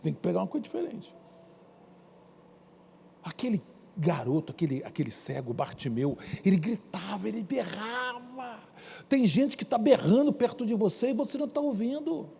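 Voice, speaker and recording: A man from Brazil with a Carioca accent, preaching a sermon as a bishop in a church, telling stories dramatically and acting out the characters' shouts and soft pleas. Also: high voice, lively intonation, normal speed, gravelly, big-room sound, slight background noise. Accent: Carioca Portuguese.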